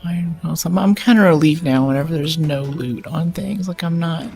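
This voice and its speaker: Woman streaming a game, low-ish voice, rambly and chatty, faint music behind. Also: brisk, gravelly, dark tone, breathy edge. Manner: chatty, thinking aloud, filler-heavy. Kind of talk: casual gameplay commentary.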